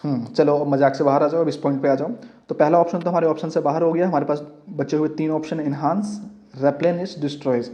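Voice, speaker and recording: A man's voice: a little high, steady tone, quick pace, dark tone. A man teaching an exam-prep English lesson, mixing English terms into his explanations and constantly asking students questions that he answers himself. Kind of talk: classroom-style exam lesson. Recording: dull lo-fi audio.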